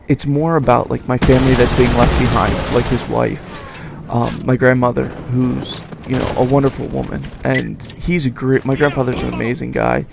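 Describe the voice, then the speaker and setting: A man in his twenties giving casual video game commentary, halting, stuttering and mumbling. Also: mid-range voice, vocal fry, noisy background. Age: 20s. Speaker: gaming YouTuber doing commentary. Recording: voice over loud game gunfire.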